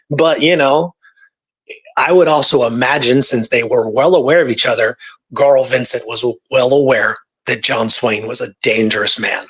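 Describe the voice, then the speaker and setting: Casual Old West storytelling comes from a man with a husky, mid-range voice who co-hosts a radio talk show. He keeps it conversational, peppering his talk with "you know" and "right" and regularly checking in with the listener.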